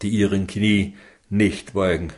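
Slow, emphatic male preacher. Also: low voice, fairly even intonation, darkish tone. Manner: slow, emphatic, repeating key words with stress. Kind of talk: sermon.

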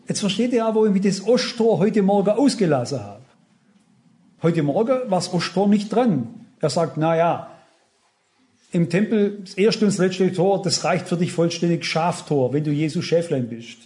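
Male preacher, high-pitched, fervent sermon delivery, rhetorical questions, big swings from hushed to loud. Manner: fervent, swings between loud emphasis and hushed low passages; asks the audience rhetorical questions.

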